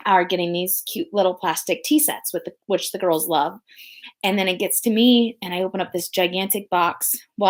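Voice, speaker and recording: A young adult woman hosting a podcast in casual chat, rambling with many pauses and restarts. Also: medium pitch. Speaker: podcast host.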